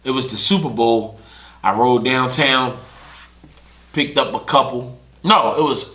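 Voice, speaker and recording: Bright Philly guy telling stories. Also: medium pitch, a little slow. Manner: animated storyteller who acts out other people's lines. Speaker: podcast host. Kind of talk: casual podcast storytelling. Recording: echoey room.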